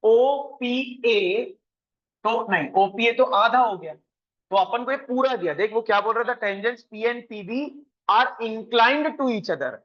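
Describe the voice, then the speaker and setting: High-voiced brisk male coaching teacher. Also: muffled recording. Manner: brisk, keeps quizzing students, mixes English math terms. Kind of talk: classroom lesson. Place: classroom.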